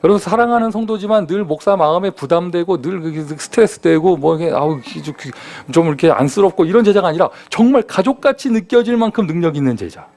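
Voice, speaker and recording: A man preaching a sermon as pastor, in a lively conversational manner full of rhetorical questions. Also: high voice, fast, few pauses. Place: church sanctuary.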